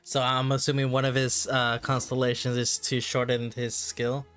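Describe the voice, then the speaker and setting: A man's voice: mid-range voice, monotone, moderate pace, fairly bright tone, clean tone, faint music behind. A man chatting casually as he streams a game, reacting and asking questions. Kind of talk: casual livestream chat.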